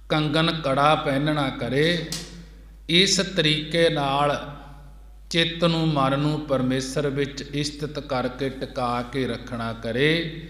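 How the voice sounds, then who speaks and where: ਹਾਲ ਵਿੱਚ ਗੂੰਜਦੀ ਆਵਾਜ਼ ਵਾਲਾ ਹੌਲੀ ਬੋਲਦਾ ਕਥਾਵਾਚਕ ਆਦਮੀ. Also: male voice, a little high, a bit bright. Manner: slow, measured, repeats each line twice. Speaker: Sikh preacher. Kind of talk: scripture exposition, chanting verses then explaining. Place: gurdwara hall. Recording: echoey hall with long reverb.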